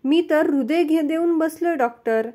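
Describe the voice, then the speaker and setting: A woman's voice: high-pitched, measured pace, warm tone. A woman voicing an anxious, lovesick male patient in a joke, speaking in plaintive complaints.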